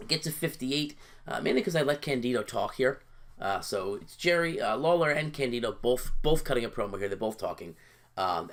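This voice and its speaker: A man with a fairly low voice talks through a wrestling management game in a loose, casual way. He stumbles and repeats himself often, filling gaps with "uh" and "um". He sounds a bit sleepy, as if it is early in the day. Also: fairly bright tone. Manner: halting, many fillers and repeated words. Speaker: host playing a wrestling booking game. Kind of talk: casual gameplay commentary.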